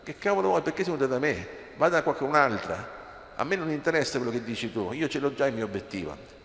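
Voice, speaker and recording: A man's voice: medium pitch, lively intonation, quick pace, close to an everyday voice. A man preacher mimicking a defiant young woman who scornfully brushes off an angel. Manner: scornful, dismissive. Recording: echoey church with long reverb.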